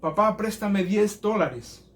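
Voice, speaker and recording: A preacher voicing a pleading young son. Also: male voice, high voice, lively intonation, slow, pitched above the performer's own voice, heavily acted.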